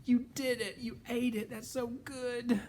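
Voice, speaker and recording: A man's voice: very high voice, little pitch movement, a little slow, a little mellow, slight background noise. A man in his thirties reading a story to young children with exaggerated, singsong children's theatre delivery. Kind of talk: animated read-aloud story for young children. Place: small indoor set.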